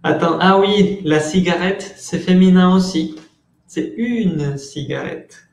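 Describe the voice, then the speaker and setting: A man teaching a French class in Spanish, slowly repeating words and switching between languages while calling on students by name. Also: sits high, reverberant. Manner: slow, patient, repeats words to drill pronunciation.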